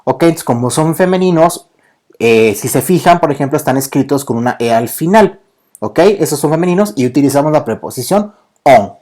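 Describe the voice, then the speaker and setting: A man's voice: fairly high pitch, expressive, a little fast, darkish tone. A man teaching a beginner French lesson, patiently explaining and peppering his talk with "ok". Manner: patient, says "ok" constantly.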